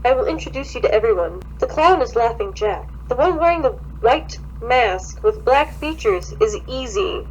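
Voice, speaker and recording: A woman voicing a calm, paternal male monster who speaks formally and solemnly. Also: on the high side, normal speed, hardly any pauses, lo-fi sound, slight background noise, close to an everyday voice.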